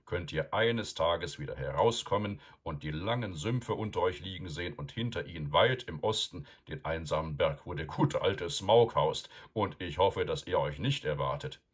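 A man voicing an old male wizard who lectures loudly and sternly, with a deep, husky voice. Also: moderate pace, hardly any pauses. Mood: stern, lecturing. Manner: loud, admonishing, emphatic.

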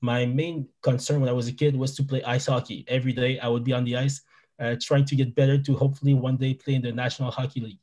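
Speaking quickly and flatly in a medium, slightly mellow voice, a young Québécois man presents as a guest wildlife biologist. A native French speaker with a French-Canadian accent, he's friendly and full of fillers, talking over a video call with a headset from a small room indoors.

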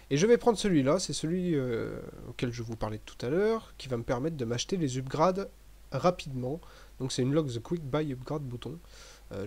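A man giving relaxed, chatty commentary over a game he is playing, with many fillers and restarts. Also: fairly high pitch. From French-speaking. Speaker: gaming commentator. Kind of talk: casual gameplay commentary.

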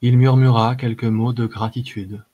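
A man narrating a fantasy short story as an audiobook reader, measured, with the odd hesitation. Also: mid-range voice, level tone, dark tone, highs cut off. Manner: measured reading with occasional filler hesitations.

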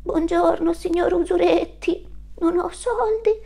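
A woman's voice: very high-pitched, fairly even intonation, unhurried, creaky, mellow, voice pushed up, exaggerated voice. A woman voicing a kind, plump widowed mother goat in a storybook, speaking in a motherly way. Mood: worried.

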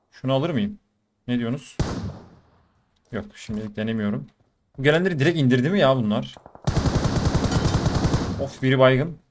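A man giving casual running commentary over mobile shooter gameplay, talking to his viewers with sudden bursts of excitement. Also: medium pitch, slight background noise. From Turkey. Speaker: gaming YouTuber.

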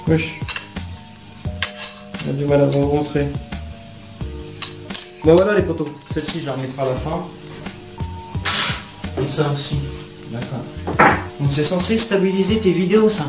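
A young man with a high voice chats through an unboxing, full of slang and always calling his viewers brothers. His voice rings around an echoey room, and music plays steadily under it. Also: moderate pace, long pauses. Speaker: YouTuber. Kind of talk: casual unboxing vlog.

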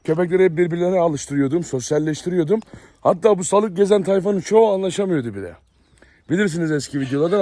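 A man's voice: a little high, warm tone, no room sound. A man casually chatting to viewers while walking around his outdoor dog yard and kennels. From Turkey. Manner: chatty, addresses viewers often. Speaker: dog breeder vlogger. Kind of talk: casual chat to camera.

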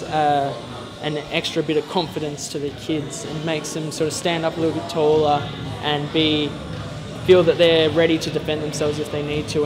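A jiu-jitsu coach, a man, answering interview questions plainly with many ums and uhs. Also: on the high side. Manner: hesitant, many fillers.

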